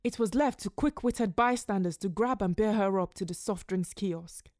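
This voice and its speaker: A woman reading a literary short story aloud in a measured, expressive narrating voice. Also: mid-range voice, dry recording, clean studio sound. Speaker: story reader.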